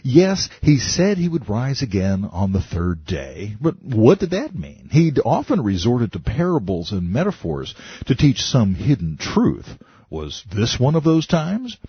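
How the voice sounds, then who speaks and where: Husky, expressive male narrator. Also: lowish voice, no echo, dull audio. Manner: wry, conversational, with rhetorical questions. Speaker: audiobook narrator.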